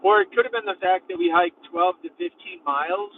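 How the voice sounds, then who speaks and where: A young man with a high-pitched voice talks fairly quickly while vlogging from behind the wheel of his van, rambling and saying "like" constantly. It's casual road-trip chatter, picked up by a distant mic in the car that sounds thin and phone-like. Faint road and engine noise sits underneath.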